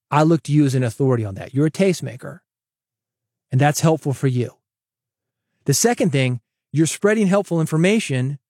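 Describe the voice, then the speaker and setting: A podcast host runs his own solo show, talking casually and coaching his listeners, often calling them "man." His voice is fairly high-pitched with a darkish tone, in a dry, clean studio recording.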